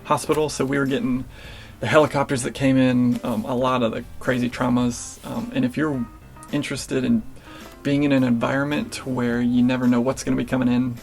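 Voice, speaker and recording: Gravelly young man, flat delivery. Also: mid-range voice, a little fast, faint music behind. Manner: relaxed, filler-heavy, restarts. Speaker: nurse answering viewer questions. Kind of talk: casual Q&A vlog.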